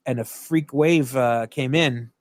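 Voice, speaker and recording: On a podcast, a male co-host with a medium-pitched voice slowly and animatedly retells a film's plot for a casual review. He swears and uses filler words as he goes, recorded on a podcast mic.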